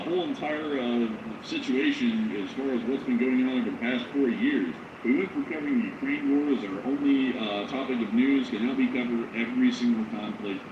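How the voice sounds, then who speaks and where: A man with a big radio-announcer, sportscaster-like voice, hosting a live news stream and talking nonstop as he thanks supporters. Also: fairly low pitch. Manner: talks nonstop, avoiding dead air. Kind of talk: livestream reading and thanking supporter messages. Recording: roomy, dull lo-fi, clear background noise.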